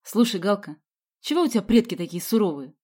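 A woman's voice: medium pitch, very animated, quick pace, darkish tone. A woman voicing a cocky schoolboy who mocks his friends in a boastful tone. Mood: defensive. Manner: boastful, mocking. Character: cocky teasing schoolboy Sidyakin.

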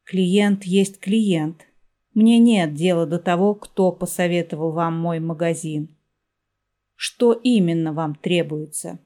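A woman's voice: lowish voice, takes it slowly. Woman doing a wheezy, whispering hooded shopkeeper. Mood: curt. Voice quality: breathy half-whisper, wheezy. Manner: quiet, aloof, formal. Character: gaunt hooded male shopkeeper, secretive and cold.

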